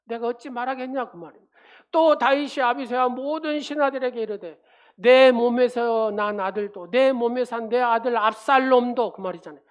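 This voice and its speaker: A woman pastor preaching a sermon at a church service, driving her points home with repeated phrases and questions to the congregation. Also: a little high.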